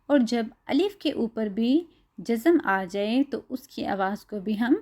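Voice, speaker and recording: A woman teaching Quran tajweed, slowly spelling out letter sounds and then repeating them clearly. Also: on the high side, lively intonation, a little mellow. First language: Urdu. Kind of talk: tajweed lesson, reciting letter drills.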